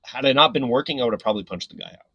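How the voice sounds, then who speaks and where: A man, a podcast guest, tells a story in a casual, animated way, with many fillers and a husky voice. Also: mid-range voice, very fast, dry recording, muffled recording. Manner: animated, filler-heavy, frequent "right?".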